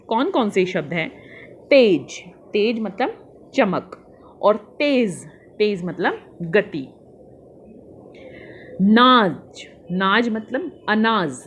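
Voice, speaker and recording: A woman teacher patiently walking young children through a worksheet, spelling out answers slowly and calling her pupils "beta". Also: medium pitch, highs cut off, a little hiss or hum.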